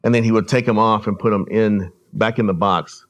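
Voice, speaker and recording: A man born in El Salvador, a podcast guest telling his family's story in an earnest, measured way. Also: lowish voice, steady tone. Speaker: guest, regional director. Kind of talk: storytelling interview.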